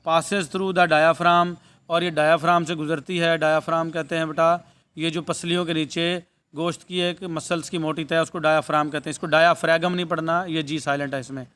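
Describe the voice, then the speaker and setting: Man teaching slowly, then explaining fast. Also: fairly high pitch, level tone, fairly bright tone. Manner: reads English lines slowly, then explains quickly, often calling students "beta". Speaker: nursing course teacher. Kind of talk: bilingual lecture, reading English text and explaining it.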